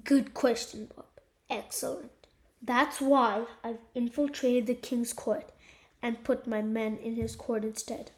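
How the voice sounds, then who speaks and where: A scheming prime minister hatches a plot, voiced by a woman. The delivery is theatrical and commanding, pitched a little high. It comes from an amateur radio-play reading. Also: fairly even intonation, takes it slowly. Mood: smug. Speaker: voice actor.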